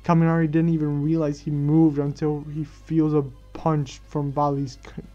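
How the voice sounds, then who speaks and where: Male fan-story reader, casual and halting with self-corrections; mellow, slightly high voice. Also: monotone, soft background music. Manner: stumbling restarts and self-corrections. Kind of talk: reading a fan story aloud. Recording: dull lo-fi recording.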